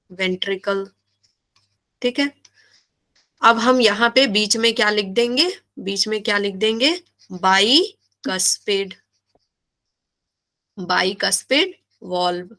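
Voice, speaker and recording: Woman biology teacher. Slow and bright, quizzes her students often. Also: medium pitch. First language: Hindi. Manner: questioning, repeats key terms. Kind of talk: live online class lecture.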